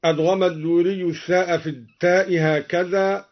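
A man teaching Quran recitation in a measured, deliberate way, explaining each reading and then chanting the verse. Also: high-pitched, fairly even intonation. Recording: dull lo-fi recording.

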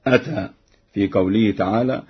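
A man teaching variant readings of the Quran, explaining slowly and chanting the verses he quotes. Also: fairly low pitch, breathy edge, lo-fi sound. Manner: slow, measured, chants quotations.

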